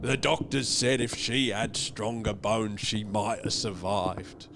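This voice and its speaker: A male actor plays a creepy, solemn butler who serves a strange Count in a comedy horror radio play. His fairly low, gravelly voice stretches into an ominous, formal, drawn-out drawl, with background noise present.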